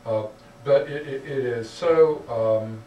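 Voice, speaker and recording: Slow and earnest, a man with a medium-pitched voice fields audience questions after a public talk, repeatedly asking "okay?". The lo-fi recording has a roomy hall quality, picked up from afar with faint noise.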